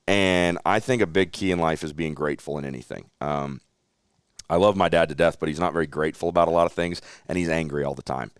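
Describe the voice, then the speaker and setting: A young man with a low, deep voice speaks earnestly and reflectively in a candid interview, his tone smooth and clear. He livens up when he tells stories. The sound is close and dry, with no room echo. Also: quick pace. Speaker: racing announcer, podcast guest.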